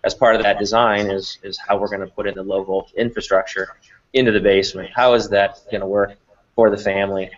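The interview guest, a middle-aged company president, explains things a little fast, his voice on the low side and his delivery flat. He joins by video call from a small office room, and the computer mic makes the audio dull and lo-fi.

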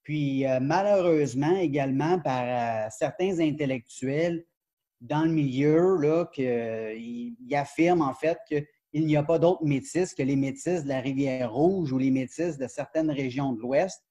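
A man's voice: mid-range voice, unhurried, mellow. A man in his forties with a Quebec French accent, a professor explaining his research in a video-call interview, talking animatedly with many fillers and restarts. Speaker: professor and book author, guest. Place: glass-walled sunroom indoors. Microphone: video call webcam.

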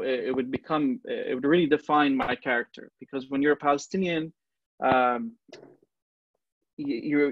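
Man, 30s, from Lebanon, halting delivery full of ums, dull dry video-call sound. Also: mid-range voice, no room sound. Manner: hesitant, many ums and restarts. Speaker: museum docent and guest speaker. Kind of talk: personal talk on a virtual tour. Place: small room at home, indoors. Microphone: video call, earbuds.

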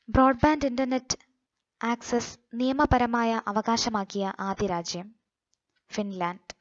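A Malayali woman reads quiz questions and answers aloud for exam coaching, taking her time over each one. Her voice sits slightly high and the delivery stays measured. The recording is dry and a bit muffled, with no room around her. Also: no room sound.

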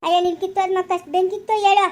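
A woman acting as a scolding village wife, very high voice, rural Karnataka Kannada accent, loud curses, amateur skit. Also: flat delivery, racing. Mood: angry. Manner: loud berating, wailing curses. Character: furious scolding village wife, sharp-tongued.

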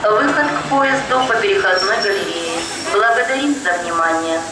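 A woman making a formal, measured public-address announcement at a railway station, heard over loudspeakers on an outdoor platform. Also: medium pitch, lively intonation. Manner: formal, measured scripted delivery. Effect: loudspeaker public-address system. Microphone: far camera microphone picking up loudspeakers. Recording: echoey distant loudspeaker, loud platform noise. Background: loud trains and station ambience.

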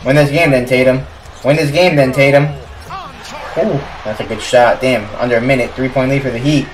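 A young man casually reacting to basketball highlights, talking to the players on screen in slangy chat and yelling at big plays. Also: fairly even intonation, a little fast, recorded from a distance, poor audio. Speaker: sports reaction YouTuber. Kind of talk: live reaction commentary.

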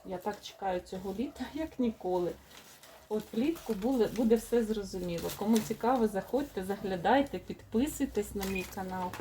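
A woman's voice: medium pitch, lively intonation, normal speed, dark tone, a little hiss or hum. A woman with a young child, chatting fondly to her viewers as she unpacks rose seedlings. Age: adult, has a young child. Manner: fond, chatty, talks to viewers. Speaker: rose gardening vlogger. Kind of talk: casual unboxing chat.

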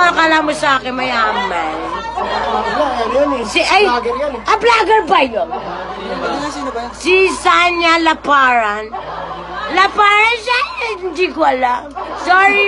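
A woman ranting on a livestream, brash and laughing as she swears and teases her viewers. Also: sits high. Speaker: online live seller. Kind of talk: livestream rant. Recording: loud music and crowd noise.

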